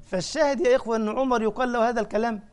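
A man's voice: very high-pitched, steady tone, racing, smooth. A man with an Egyptian accent preaching a sermon as a sheikh, telling stories with animation and putting questions to his listeners. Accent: Egyptian Arabic.

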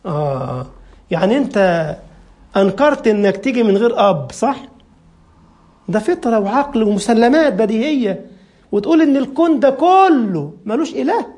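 A man's voice: high voice, big pitch swings, normal speed, a little mellow. A man with an Egyptian accent preaching a sermon, firing off rhetorical questions and acting out the people he argues against. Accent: Egyptian Arabic.

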